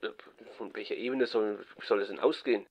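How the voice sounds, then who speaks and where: A man's voice: lowish voice, brisk. Skeptical man talking over the phone. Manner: skeptical, sardonic. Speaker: politician receiving a prank call. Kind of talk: spontaneous conversation over the phone. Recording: phone call with faint noise.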